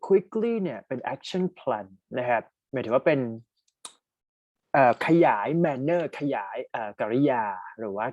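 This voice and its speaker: A young man with a Thai accent teaching an online English exam-prep lesson. He reads test sentences slowly and explains them quickly, and he asks the students to type their answers in the chat. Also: mid-range voice, expressive, no echo, dull audio.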